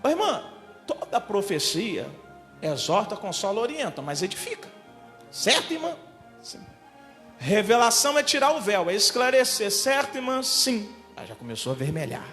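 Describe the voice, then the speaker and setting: A man preaching as a church pastor, telling a story in an emphatic, animated way, with a Brazilian Portuguese accent. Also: high voice, normal speed, in a large hall, soft background music. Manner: emphatic and animated, builds to shouting. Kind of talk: sermon told as a personal story. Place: church hall.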